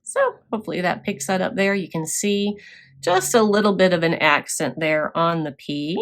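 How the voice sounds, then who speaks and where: A woman's voice: fairly low pitch, animated, moderate pace. Woman teaching a scrapbooking class. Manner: step-by-step explaining with fillers. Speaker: craft class instructor. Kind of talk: scrapbooking demonstration.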